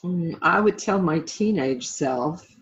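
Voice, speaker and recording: This middle-aged woman, an interview guest who works as an author and life coach, speaks slowly and animatedly in a voice that sits low. The chat is casual and reflective, recorded as dull lo-fi call audio.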